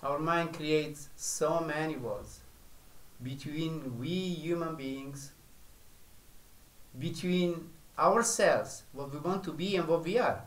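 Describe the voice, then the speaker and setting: A male spiritual teacher's slow, deliberate preaching unfolds with long pauses between phrases, his fairly bright voice pitched a little high for a man. The space around him rings with echo.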